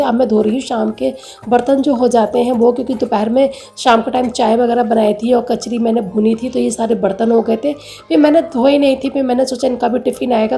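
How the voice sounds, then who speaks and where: In her home kitchen, a vlogger with a fairly high, creaky, dark-toned voice and a north Indian Hindi accent chats casually. She gives advice in a rambling, homely way, and the room is echoey.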